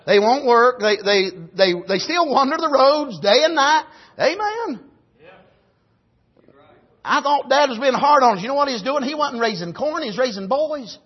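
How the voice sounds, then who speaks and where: A dull, lo-fi recording of a male preacher with an Appalachian accent. His voice is very high for a man and rough with huskiness. He delivers a folksy, storytelling sermon, circling back over his phrases. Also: expressive, a little slow. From rural United States, grew up on a farm. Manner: punctuates phrases with "amen", repeats and restarts phrases for emphasis.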